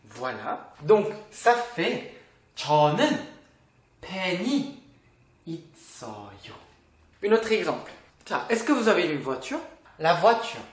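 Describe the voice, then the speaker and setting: Slow, patient language teacher. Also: medium pitch, big pitch swings, reverberant. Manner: patient, asks the viewer questions. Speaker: Korean teacher. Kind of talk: language lesson.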